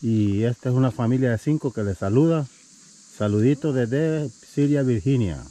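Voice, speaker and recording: A family vlogger in his thirties films a hike, chatting to viewers he calls "mi gente" as he walks and climbs a wooded trail, a little out of breath. He holds an action camera at arm's length. His voice is mid-range, warm and moderately paced.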